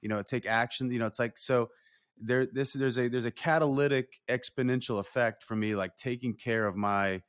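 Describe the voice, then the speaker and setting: A man co-hosting a podcast, speaking in an animated, conversational way and swearing casually. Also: medium pitch, moderate pace. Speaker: podcast co-host.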